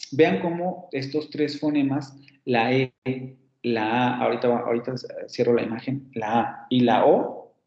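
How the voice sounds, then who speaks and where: This online phonetics lecture is delivered by a Mexican university teacher who works through the material step by step, repeating example words and correcting himself as he goes. His voice is mid-range and warm, and the recording sounds roomy and muffled.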